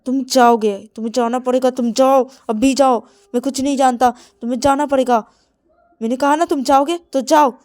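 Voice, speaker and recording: A woman voicing a demanding young man who keeps pressing his partner, in an insistent, taunting manner with high-pitched shouting. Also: little pitch movement, brisk, few pauses, close to an everyday voice.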